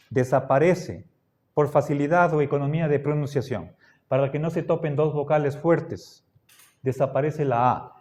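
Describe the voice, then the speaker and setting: A male teacher giving a Latin grammar lecture at an unhurried, careful pace, in a voice pitched somewhat high for a man. He repeats each form and keeps checking in with his students. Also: darkish tone. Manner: slow and deliberate, repeats forms, keeps checking with the class. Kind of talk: classroom lecture.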